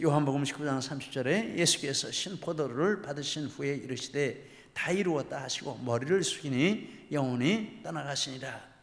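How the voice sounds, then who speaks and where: A man pastor preaching a sermon in a church sanctuary, telling stories with emphatic rhetorical questions. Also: a little high. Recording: long church reverb.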